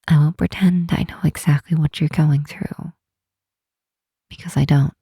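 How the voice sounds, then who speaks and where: In an ASMR roleplay, a woman voices a powerful demon queen who is gentle, earnest and protective, delivering a soft, intimate monologue to the listener. Her low, very breathy, half-whispered voice has a dark, mellow tone, and she speaks slowly, tenderly and solemnly with deliberate pauses, in a confiding mood. The recording is dry and the performance heavily acted.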